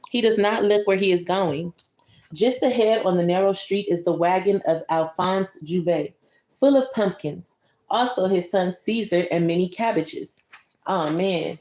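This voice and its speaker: Reading a bedtime picture book aloud, a woman with a lowish, darkish voice keeps a steady tone and an unhurried pace in a reverberant room. She pauses often to chat with the child, explaining pictures and adding conversational comments.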